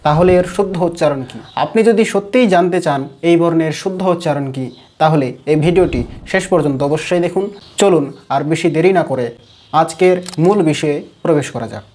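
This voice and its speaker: A man with a Bengali accent teaching Sanskrit pronunciation in a measured lesson, slowing down to recite rules. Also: fairly high pitch, a little mellow, slight background noise. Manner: measured, chants sutras slowly. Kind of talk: explanatory lesson.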